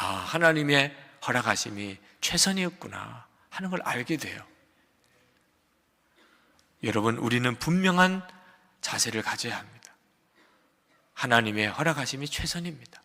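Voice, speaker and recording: An older man preaching a sermon as pastor, moving between loud emphatic peaks and quiet low asides. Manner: acts out a shouting quarrel in quotes. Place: large church sanctuary. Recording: long hall reverb of a church sanctuary.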